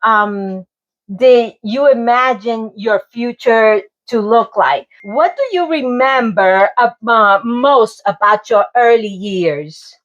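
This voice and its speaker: A woman hosting an interview show, asking measured questions with frequent ums. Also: on the high side, muffled recording. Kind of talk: hosted interview.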